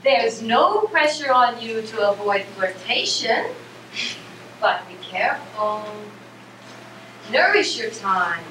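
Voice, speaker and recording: A woman's voice: on the high side, animated, slow, long pauses, fairly bright tone. A woman playing a fortune teller, reciting cryptic verse advice in an oracular, theatrical way. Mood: oracular, measured. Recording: distant, echoey, noisy room recording.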